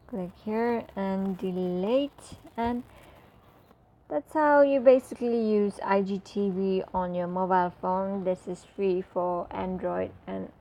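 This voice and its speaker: Woman, relaxed tutorial voice-over, slow and warm-toned, chatty. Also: medium pitch, lo-fi sound. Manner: chatty, filler-heavy, walks through steps. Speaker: tutorial presenter. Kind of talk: casual screen-recording tutorial voice-over.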